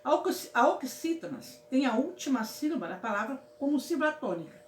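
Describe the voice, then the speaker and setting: Teaching grammar in a relaxed way, this Brazilian woman often checks on her students, fondly calling them "my loves" and asking "certo, meus amores?" again and again. Her voice sits high with big pitch swings, and she moves at a brisk pace. There's a little hiss or hum, plus an echoey room with faint ambience.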